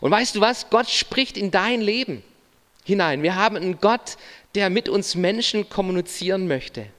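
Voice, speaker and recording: High-voiced preaching man, reverberant hall. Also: normal speed, a bit bright. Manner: earnest preaching that speaks to the listener directly, in short phrases. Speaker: pastor. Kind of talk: sermon. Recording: long reverb of a large hall.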